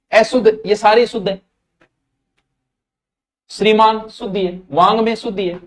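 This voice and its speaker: A high-pitched man with a Rajasthani accent runs a live online class on Hindi grammar for exam aspirants. He talks to his students casually and directly, drops into local dialect, and stretches key words out slowly to stress them. His voice is close to the mic. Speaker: Hindi grammar teacher for exams.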